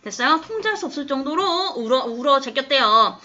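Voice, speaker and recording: A woman's voice: high voice, expressive, a little fast, sharp tone. A woman teacher explaining an English text to a classroom of students, coaxing them and checking often whether they follow. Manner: coaxing, keeps asking the class if they understand. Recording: dull lo-fi classroom recording.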